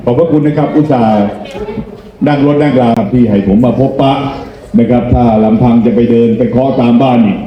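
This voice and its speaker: A man's voice: medium pitch, fairly quick, highs cut off. A man giving a campaign rally speech as a candidate, in a folksy way, repeatedly putting questions to his listeners. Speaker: parliamentary election candidate. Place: rally venue, speaking to a gathered crowd. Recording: echoey public address sound.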